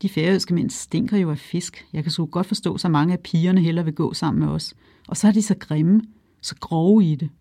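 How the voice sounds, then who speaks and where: A narrator voicing a crude, cocky young male sailor, rising high when he mocks. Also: creaky, warm tone, dry recording, studio quality. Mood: mocking. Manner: crude, mocking.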